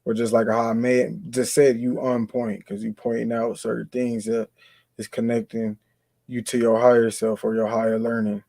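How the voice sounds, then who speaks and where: A man's voice: mid-range voice, level tone, normal speed, vocal fry, mellow, no echo. A man, explaining ideas in a loose, conversational way as co-host of a spiritual talk. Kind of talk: casual spiritual discussion.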